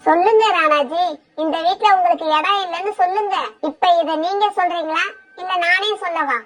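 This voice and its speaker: A scheming, vain female sparrow from a cartoon, voiced by a woman, cold and bossy in every word. Her voice sits very high and sounds bright and sharp. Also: moderate pace. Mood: haughty. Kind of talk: cartoon voice acting.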